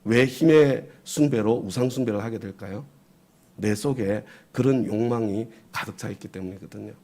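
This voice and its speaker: A man's voice: fairly low pitch, normal speed, a little mellow. A middle-aged man, a pastor, preaching an early morning sermon and asking the congregation rhetorical questions.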